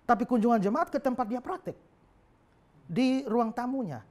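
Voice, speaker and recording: A man's voice: very high-pitched, expressive, normal speed, a little mellow. A male pastor preaching a sermon in a humorous storytelling manner.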